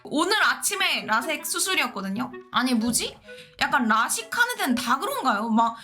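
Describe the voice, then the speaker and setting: A young woman telling a story in a lively way, laughing often and acting out what other people said. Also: high-pitched, normal speed, faint music behind. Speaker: virtual streamer and illustrator. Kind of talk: animated storytelling vlog.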